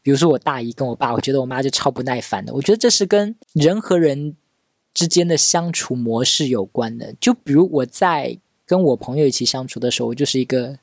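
A man's voice: medium pitch, animated, fairly quick, no room sound, clean studio sound. A man in his thirties hosting a podcast, telling a family story in a chatty, casual monologue. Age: 30s. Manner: chatty, acts out relatives' quoted lines. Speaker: podcast host.

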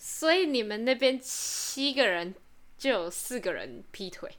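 A woman's voice: on the high side, big pitch swings, unhurried, fairly bright tone. A young woman, co-hosting a casual podcast and asking curious follow-up questions. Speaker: podcast co-host. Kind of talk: casual chat.

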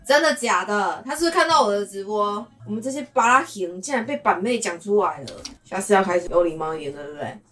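A woman hosting a casual chat podcast with a Taiwanese Mandarin accent, talking in an animated, sassy way and mimicking people. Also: mid-range voice, fast, few pauses, far from the mic. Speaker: host.

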